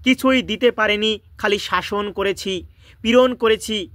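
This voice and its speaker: A man reading the lines of an elderly male schoolmaster, softly and with emotion, barely putting on a voice. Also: sits high, unhurried, no echo. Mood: wistful.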